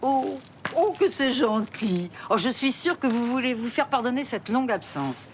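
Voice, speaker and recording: A woman's voice: on the high side, sing-song, moderate pace, a little hiss or hum. An actress playing a mother who guilt-trips her daughter in a sugary, wheedling way, in a TV soap drama. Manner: cloying, wheedling.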